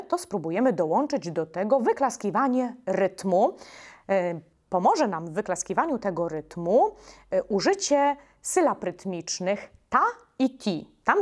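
Slow, lively-voiced woman teaching children music. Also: mid-range voice. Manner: slow, patient instructions with short "e" pauses. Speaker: music workshop leader for children.

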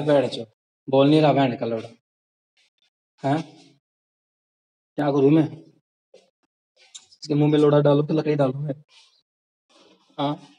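In a group voice call, a man with a fairly high, mellow voice launches into a heated, aggressive rant loaded with taunts and insults. The call was screen-recorded from a phone, giving low-quality audio with slight background noise.

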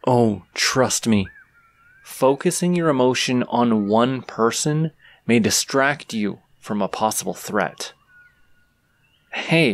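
Speaking straight to the listener in an audio roleplay, a man plays an easygoing traveling swordsman who is teasing and coaxing, casual and reassuring but a bit cocky. His voice is medium-pitched, with no echo.

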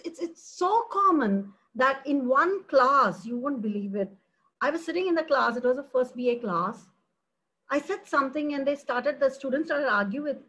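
A middle-aged woman from India, a philosophy professor, talking passionately in a conversational interview, animated and expressive, often restarting her sentences. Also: high voice, husky, low-quality recording.

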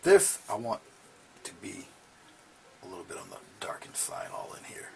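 This painting instructor, a middle-aged man in a small home studio, talks at a normal speed in a gravelly voice. He stays relaxed and chats while he paints, often dropping into low murmurs during the brush work. A slight hiss or hum runs under the recording.

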